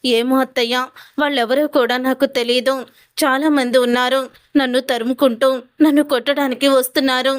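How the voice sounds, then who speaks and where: A woman's voice: high voice, fairly even intonation, moderate pace, clean tone, natural voice. A woman narrator reading a nervous, evasive young wife. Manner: nervous, excuse-making.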